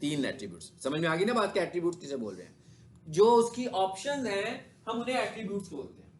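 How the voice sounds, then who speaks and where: A man's voice: high-pitched, big pitch swings, fast. A male instructor giving a classroom lecture with a screen demo, often asking his students questions and then answering them himself. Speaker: digital marketing instructor.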